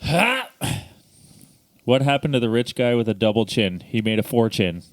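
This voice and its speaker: A man's voice: medium pitch, animated, moderate pace, dry recording. A man co-hosting a casual podcast among friends, jokey and telling a one-liner pun. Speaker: podcast co-host.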